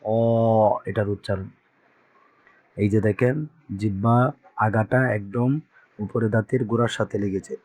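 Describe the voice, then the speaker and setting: A man's voice: on the low side, steady tone, a little slow, long pauses, a little mellow, breathy edge. A man teaching Quran reading to beginners, patiently repeating each letter sound for learners to echo. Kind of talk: teaching Arabic letters with call-and-response drills.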